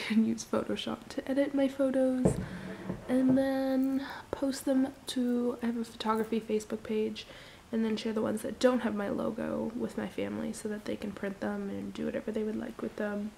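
A young Canadian woman, a vlogger with a cold-stuffed nose, chats casually and rambles to a handheld camera held at arm's length, speaking quietly at night in a daily vlog shot in her bedroom, car and living room. Her voice sits on the high side with vocal fry, and the rough recording carries slight background noise.

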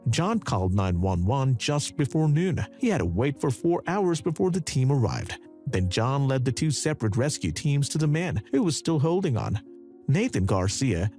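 This is a man's scripted voice-over recounting a dramatic true story, set against background music. He tells it dramatically, with animated pitch.

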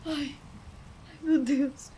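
A young Brazilian woman chatting with a friend as a scared, excitable horror game streamer who shrieks and pleads. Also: sits high, very slow, a little hiss or hum. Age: young adult. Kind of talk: live gameplay chat with a friend.

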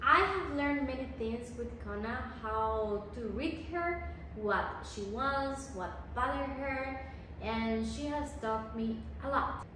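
A woman's voice: on the high side, slow pace, over loud music. Woman vlogging, echoey room. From Venezuela. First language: Spanish. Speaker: dog owner vlogger. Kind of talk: casual talk to camera. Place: living room, indoors.

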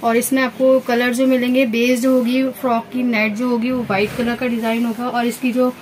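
A brisk woman with a rather high, flat, darkish voice and a Pakistani accent presents wholesale stock in a garment shop packed with fabric, captured in rough audio. She sells informally, repeating herself and weaving in English, recorded on a handheld phone with background noise clearly audible.

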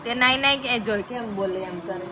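A woman vlogger chats through a home vlog, frequently cooing baby talk to an infant. Her voice is fairly high and fairly quick, and the recording is noisy with passing traffic.

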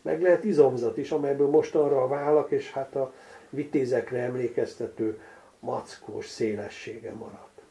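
Gravelly older man reading aloud. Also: mid-range voice, fairly even intonation, mellow. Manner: dry, wry asides announcing pages and footnotes. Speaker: author reading his own novel.

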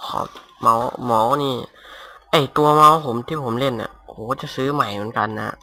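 Soft-spoken young man with a bright voice. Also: medium pitch, a little fast. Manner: rambling, talks softly to avoid disturbing neighbors. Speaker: gaming YouTuber. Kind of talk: casual Minecraft commentary. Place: home room. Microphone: cheap gaming headset mic.

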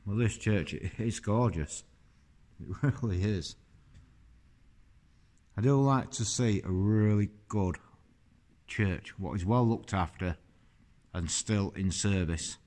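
Holding a phone inside an old stone church, a vlogger gives a rambling, casual walking-tour commentary to the camera. His fairly low, slightly mellow voice sounds easy and admiring, moving at a slow pace with frequent pauses.

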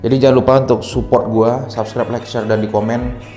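This casual vlog shows a tired man touring his new rented house, an empty indoor space with heavy echo and faint background music. He talks to viewers as friends, his medium-pitched voice level, brisk, and dark.

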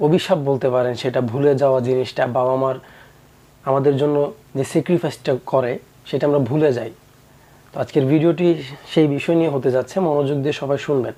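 A man's voice: mid-range voice, mellow. A young man earnestly telling a moral story about parents and children, in a preachy tone with repeated lessons. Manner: earnest, preachy, with acted quotes.

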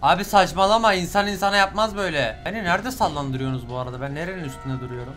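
A young man with a slightly high voice talks through a horror game, muttering and then suddenly shouting. He swears constantly and drops English curses between his own lines. Light music sits under his voice. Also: rapid-fire. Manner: excitable, swears a lot, sudden yelling outbursts. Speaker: gaming channel host. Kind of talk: let's play commentary.

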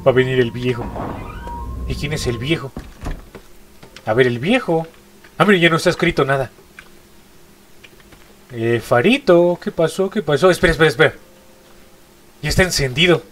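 Stuffy-nosed Mexican gamer, jumpy. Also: male voice, fairly high pitch, a little fast, long pauses, a bit bright, slight background noise. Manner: jumpy, repeats short exclamations. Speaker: gaming YouTuber. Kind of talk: horror gameplay commentary.

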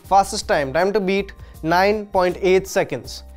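A man in his twenties with an Indian English accent, hosting a jokey, excitable comedy vlog. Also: high-pitched, unhurried, faint music behind. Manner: excitable, jokey, breaks into yelps. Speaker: host.

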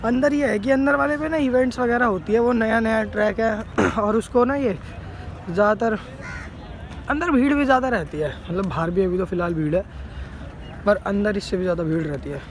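At an outdoor stadium track, a young man with a high voice chats fairly quickly and cheerfully to his viewers, vlogging casually with a phone held at arm's length. Crowd noise comes through the outdoor phone audio.

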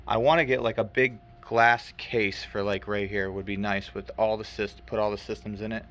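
A man's voice: lowish voice, normal speed, a little hiss or hum. An American man who runs a retro game store, talking casually to camera while out shopping, with crude, joking banter. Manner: relaxed, crude, boastful joking. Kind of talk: casual vlog narration. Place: store, parking lot and supermarket.

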